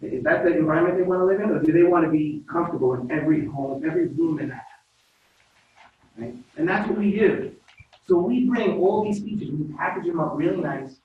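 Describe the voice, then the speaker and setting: A man's voice: fairly high pitch, a little fast, slight background noise. A man from New York with a New York accent, giving a sales presentation to a room of realtors, full of rhetorical questions. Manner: animated, asks rhetorical questions. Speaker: guest speaker presenting to realtors. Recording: phone-like, echoey room from far off.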